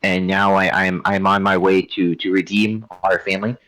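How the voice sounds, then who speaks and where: A man's voice: low voice, little pitch movement, moderate pace, fairly bright tone, poor audio. A man voicing a nervous, embarrassed male half-elf wizard who stammers and repeats words. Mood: flustered. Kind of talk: tabletop role-play in character.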